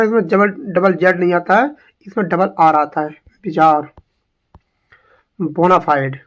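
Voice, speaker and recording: An English teacher giving an exam-prep lesson, drilling each word by repeating it and asking rhetorical questions. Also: mid-range voice.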